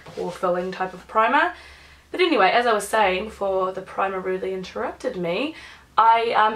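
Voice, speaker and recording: A woman's voice: medium pitch, a bit bright, rough recording. Young New woman, stuffy cold voice, easygoing beauty vlogger talking through her makeup. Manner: chatty, rambling, self-deprecating asides. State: nasal from a cold. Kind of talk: chatty get-ready-with-me vlog.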